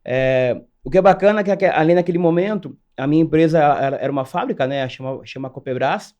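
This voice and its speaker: Fast-talking man from São Paulo. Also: fairly high pitch, muffled recording. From São Paulo, Brazil. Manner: brisk, animated storyteller. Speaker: guest, cybersecurity executive. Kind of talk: casual interview storytelling.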